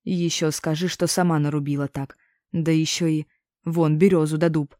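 A woman voicing a gruff, hostile village man who scolds and threatens loudly. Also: low voice, level tone, moderate pace, no echo, studio quality, lightly acted. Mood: scornful. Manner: rough, scolding, shouting threats.

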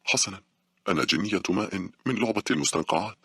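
A man's voice: low-pitched, fast talker, pushed and bright, husky, no room sound, studio quality, voice pushed up, full character voice. A man voicing a timid young female water fairy in an audiobook, speaking shyly. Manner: shy then indignant. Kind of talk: audiobook character reading.

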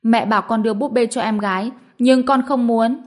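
A woman voicing a spoiled little girl who whines and shouts in a shrill voice, in an audio story. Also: steady tone, a little slow, natural voice. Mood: sulky.

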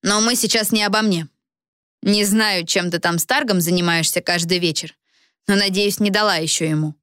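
A woman's voice: medium pitch, moderate pace, a bit bright, clean tone, no echo, studio quality, lightly acted. A woman voicing a blunt, sarcastic young woman roommate in an audiobook, speaking in a cutting tone.

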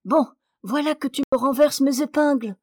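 A woman's voice: high voice, normal speed, no room sound, clean studio sound, voice pushed up, close to an everyday voice. Woman voicing an exasperated fussy young wife. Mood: impatient. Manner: sharp, exasperated, scolding. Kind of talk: audiobook character reading.

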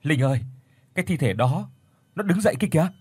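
A man's voice: medium pitch, animated, a little fast, a little mellow, slightly rough, no room sound. A man voicing a frightened young woman who trembles and stammers in a spoken horror story. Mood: terrified.

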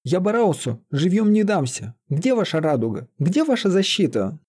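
A shrill, quick-tempered young woman bursts out in high, hysterical cries, put on by a man reading a story. The pitch sits well above a man's usual register, with a soft, husky, mellow tone. It is a storybook voice. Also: wildly swooping pitch, exaggerated voice. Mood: furious.

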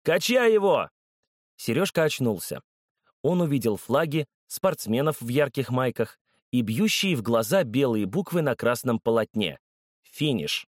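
A man's voice: mid-range voice, animated, moderate pace. A man reads a children's story aloud, his mid-range voice moving expressively. The recording is close and dry with no room echo. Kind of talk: scripted audiobook narration of a children's story.

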